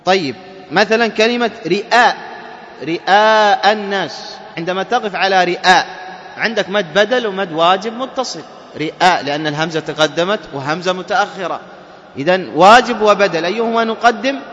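A man's voice: high voice, a little fast, a bit bright. A man teaching a lesson, asking his class questions, answering them himself and chanting example words. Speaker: Quran recitation teacher. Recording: muffled, reverberant hall.

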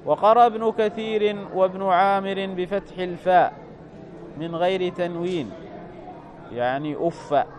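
Man, high voice, grammar teacher, reads text aloud then explains, patient, checks understanding. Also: normal speed, pauses often.

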